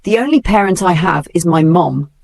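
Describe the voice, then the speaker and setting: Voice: medium pitch, animated, normal speed, vocal fry, no echo. The narrator voicing a wronged young woman who speaks coldly and firmly. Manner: cold and firm. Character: wronged young woman, hurt turning cold.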